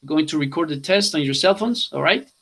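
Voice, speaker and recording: A man's voice: on the high side, lively intonation, moderate pace, creaky, fairly bright tone. A man from Colombia teaching an online English class, switching languages and repeating instructions.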